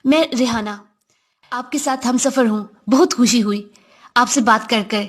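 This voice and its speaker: A woman voicing an innocent, gentle young woman with a playful, friendly way of talking. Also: fairly high pitch, close to an everyday voice. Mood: sweet.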